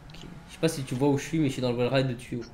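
A man giving casual, excitable gameplay commentary to a friend, given to exclamations. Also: mid-range voice, rapid-fire. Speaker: gamer.

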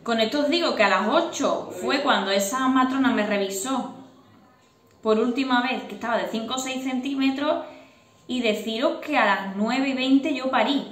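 A woman's voice: sits high, moderate pace, recorded from a distance. Chatty woman in an echoey room. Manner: animated, laughing while recounting. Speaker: vlogger. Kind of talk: casual storytelling to camera.

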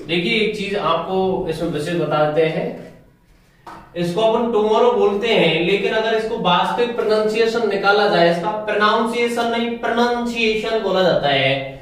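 A male teacher walks a class through a grammar lesson, posing questions and answering them himself. His voice sits high. It is picked up from across an echoey classroom, so it sounds distant and roomy. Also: normal speed. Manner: explains step by step, often asks the class questions and answers them.

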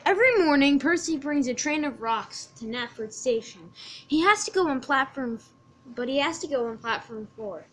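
A woman's voice: high-pitched, lively intonation, moderate pace, a bit bright. A woman narrating a homemade story about toy trains, with loose, stumbling restarts. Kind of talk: amateur fan story narration.

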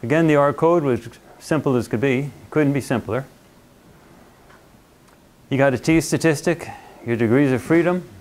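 A man lecturing a university class at a middle pitch, in a loose, conversational way. He keeps checking in with his listeners and playfully slips into little quoted voices to make a point. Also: moderate pace, pauses often, darkish tone. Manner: conversational, checks in with students often.

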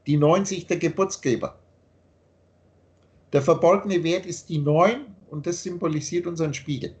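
A man's voice: fairly high pitch, normal speed, a little mellow. A man explaining his teaching in a long, earnest monologue, often repeating himself, over a video call. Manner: repetitive, earnest, lecturing.

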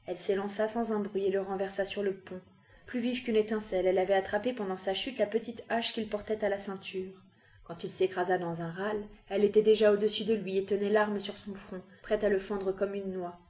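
A woman reading a novel aloud with calm, even narration. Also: mid-range voice, fairly quick. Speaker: reader.

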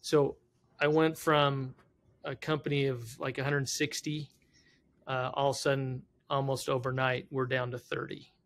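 A man's voice: medium pitch, a little slow, slight background noise. A man in his fifties, a company CEO telling stories as a podcast guest. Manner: animated storyteller, acts out quoted people. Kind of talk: casual interview storytelling.

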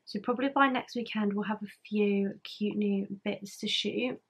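A young woman rambles through a casual vlog from her living room and bedroom, using plenty of ums as she chats into a camera held at arm's length. She has a medium-pitched, steady voice with a breathy edge, speaking at normal speed.

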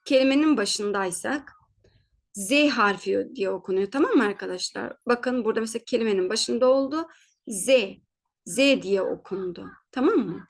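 In a patient spoken lesson, a woman teaches German pronunciation, saying each word slowly, checking in with the learner often, and correcting her own slips along the way. Her voice sits on the high side.

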